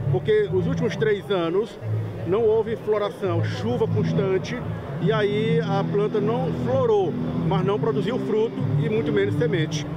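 A man's voice: high-pitched, muffled recording. An older man, a teacher explaining his school project into a reporter's handheld mic, with frequent restarts. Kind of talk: interview at a science fair. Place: large covered outdoor hall at a fair. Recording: loud crowd and traffic noise outdoors.

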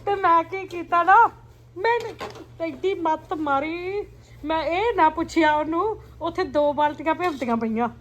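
A high-voiced middle-aged woman with an Indian Punjabi accent chats as a mother to her family. She tells her stories in an animated, exclamatory way, with faint household noise behind her. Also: unhurried, muffled recording. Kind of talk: casual family chat and storytelling. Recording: noisy home recording with ambient sound.

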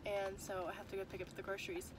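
Fast and monotone, her mid-range voice competes with background noise. This young family vlogger, stuffy from a cold, chats tiredly and in a rambling way to a phone camera held at arm's length inside a parked car.

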